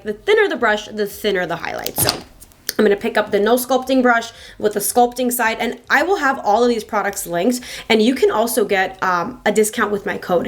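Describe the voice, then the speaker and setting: A woman in her twenties talking casually to camera through a makeup tutorial, chatty and emphatic, repeating words for stress. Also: medium pitch. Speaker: beauty vlogger. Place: small indoor home filming setup.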